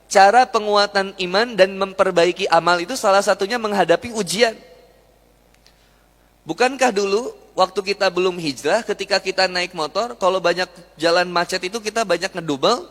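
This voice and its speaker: Before a live crowd, a young man preaches a lively sermon full of chat and jokes, asking questions of his listeners. He speaks at a moderate pace in a high, slightly bright voice, with long hall reverb on the recording.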